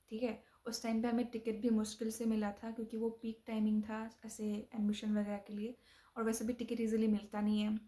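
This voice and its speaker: A woman's voice: on the high side, dark tone. A young woman from Assam telling a personal story casually, with fillers and restarts and bits of English mixed in. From Assam, India. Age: young adult. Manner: chatty, frequent fillers and restarts, mixes in English phrases.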